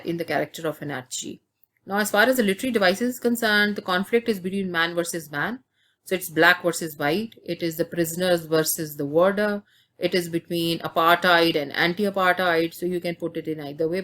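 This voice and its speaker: A woman teaching a literature lesson, explaining a short story in a steady lecturing manner with frequent fillers and restarts. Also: fairly low pitch.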